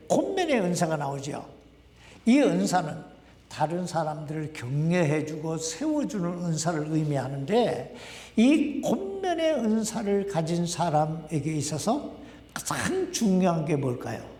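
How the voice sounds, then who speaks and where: A man preaches in a lively, high-pitched voice that swings widely as he questions his listeners. His delivery is slow and deliberate. The sound carries the long reverb of a church sanctuary, heard from some distance. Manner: conversational preaching, asks the congregation questions. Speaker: pastor. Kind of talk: sermon. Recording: echoey hall, voice from a distance.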